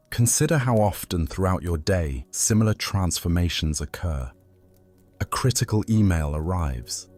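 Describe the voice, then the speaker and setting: A man narrating a slow, calming bedtime story in a soft, measured, reflective way. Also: deep voice.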